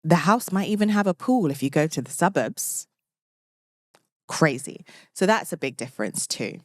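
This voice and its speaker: A woman's voice: low voice, very animated, moderate pace, no room sound, studio quality. A young British woman hosting a podcast, chatting casually and expressively, with lots of "like" and laughter. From United Kingdom. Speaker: podcast host. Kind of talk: casual chat.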